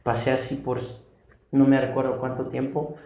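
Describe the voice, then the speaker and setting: A man's voice: mid-range voice, flat delivery, normal speed, mellow. A young man giving an earnest personal testimony, recounting events vividly with repetition. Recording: distant echoey room mic.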